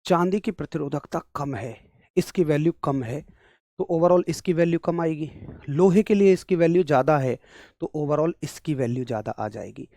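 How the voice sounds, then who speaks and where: Young male physics tutor, high voice, emphatic and repetitive with students, close dry mic. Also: normal speed, dark tone, no echo. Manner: emphatic, scolding then explaining step by step; addresses students directly, repeats key points. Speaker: physics teacher. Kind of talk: online class lecture.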